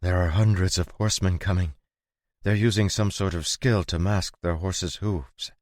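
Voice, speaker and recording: A man voicing an alert young woman mage who speaks in a brisk, earnest way. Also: low voice, steady tone, a little mellow, dry recording, clean studio sound, voice pushed up, close to an everyday voice. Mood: urgent.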